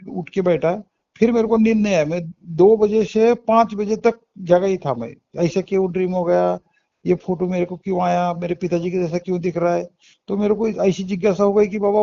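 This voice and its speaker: A man's voice: high-pitched, gravelly, warm tone. A middle-aged man with a Marathi-influenced Hindi accent, earnestly telling a personal spiritual testimony with frequent restarts. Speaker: devotee sharing a testimony. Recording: dull lo-fi recording.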